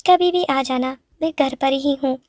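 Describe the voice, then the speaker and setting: A woman's voice: high-pitched, a little slow, a little mellow, no echo, clean studio sound. A woman voicing a friendly young married woman with casual, chatty replies.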